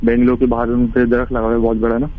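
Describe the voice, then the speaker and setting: A man's voice: mid-range voice, monotone, fast talker. Man telling a ghost story over a phone line. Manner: rambling, restarts often. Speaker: caller. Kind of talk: casual storytelling.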